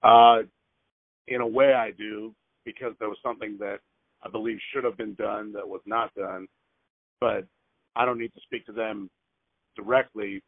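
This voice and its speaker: Low-voiced man heard over a landline phone. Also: steady tone, no room sound. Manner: careful, repeats details and numbers slowly; hesitant, frequent fillers. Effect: heard over a landline phone line. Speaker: caller. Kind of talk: phone call and voicemail message. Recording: tinny, dry phone line.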